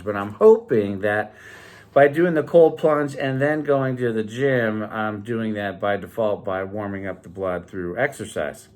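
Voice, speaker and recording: A man hosting a health vlog, talking casually and reading out points with rambling, jokey asides. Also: on the low side. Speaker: host of a health challenge series.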